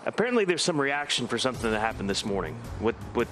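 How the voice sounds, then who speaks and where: A man's voice: mid-range voice, sing-song, fast talker, fairly bright tone, soft background music. A man hosting a live racing broadcast, telling stories about himself with a self-deprecating humor. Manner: joking, self-deprecating storyteller. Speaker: host.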